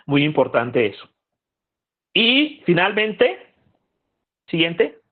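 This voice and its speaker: A man's voice: on the high side, wildly swooping pitch, extremely slow. A man giving a conversational lecture to a youth group, asking the audience questions and repeating phrases for emphasis. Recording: tinny phone-like audio.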